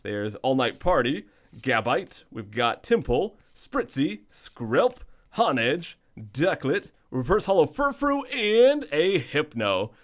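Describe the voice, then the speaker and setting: A man's voice: on the high side, sing-song, slow, a bit bright. A man with a thin, weak voice giving casual unboxing commentary as the host of a video. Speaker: host of card pack opening videos.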